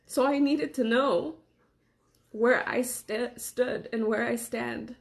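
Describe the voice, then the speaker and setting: Slow, earnest higher-voiced woman. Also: steady tone, gravelly. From Los Angeles, USA. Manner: earnest, deliberate, pausing between phrases. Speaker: vlogger. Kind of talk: personal monologue to camera.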